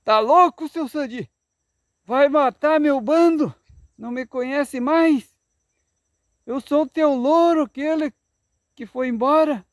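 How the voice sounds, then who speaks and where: An older man voicing a wise talking male parrot who leads a flock, shrill and chattering in a storyteller's tale. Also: slow pace, long pauses, no room sound, studio quality. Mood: indignant.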